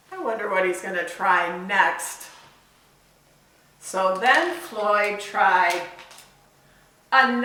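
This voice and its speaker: Her voice bright and on the high side, a woman volunteers at a children's storytime, reading a picture book with expressive, chatty asides and questions to her listeners. The room echoes and she sits far from the microphone.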